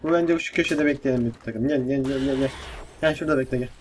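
A young man giving casual let's-play commentary, excitable and swearing, with frustrated outbursts. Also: medium pitch, fast, a little hiss or hum. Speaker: gaming YouTuber.

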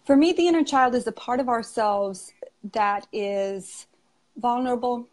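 A woman's voice: fairly high pitch, darkish tone, poor audio. Romanian-accented woman in her thirties. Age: 30s. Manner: thoughtful, explains slowly with small laughs. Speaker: emotional health coach, guest. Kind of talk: casual interview talk.

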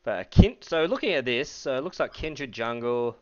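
Animated man breaking down a game. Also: mid-range voice, normal speed, lo-fi sound. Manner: thoughtful, analytical, hedges with "I reckon". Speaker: game commentator. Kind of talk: casual co-commentary.

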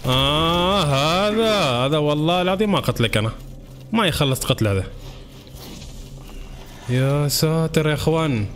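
A man with a Gulf Arabic accent giving excitable gameplay commentary to his viewers, yelping when in danger. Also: on the high side, normal speed, pauses often. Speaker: gaming channel host.

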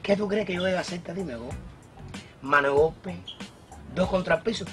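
An actor playing a boastful accomplice who talks in street slang in a Cuban TV police drama, with a Cuban accent. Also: male voice, sits high, fairly quick, over music, natural voice. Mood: swaggering. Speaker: thief's accomplice.

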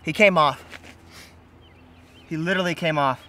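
A young man vlogging a fishing trip outdoors, talking in an animated way and exclaiming often. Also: fairly high pitch, moderate pace. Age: young adult. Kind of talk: excited outdoor vlog commentary. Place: outdoors by a river and creek. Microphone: action camera on the body and at arm's length. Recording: faint outdoor noise from an action camera.

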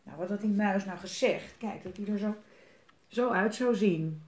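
A woman's voice: medium pitch, moderate pace, a little mellow. A woman reading a picture book aloud to children, chatting about the pictures between passages. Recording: roomy echo.

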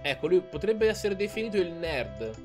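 A man's voice: high-pitched, big pitch swings, moderate pace, music in the background. A man casually commentating a video game in a playful, joking way, explaining details to his viewers. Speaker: let's play host.

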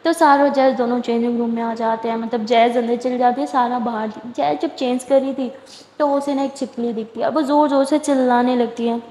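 High-voiced woman telling a story. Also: fairly even intonation, a little fast, a little mellow, echoey room, long reverb tail. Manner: acts out each character's lines with shifting pitch. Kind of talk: dramatic storytelling narration.

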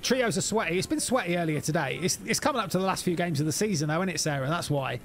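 A man's voice: high voice, animated, quick pace, a bit bright, slight background noise. A man livestreaming a game, chatting casually with viewers, joking and swearing. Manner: jokey, greets chatters by name, swears. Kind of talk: casual gaming stream chat.

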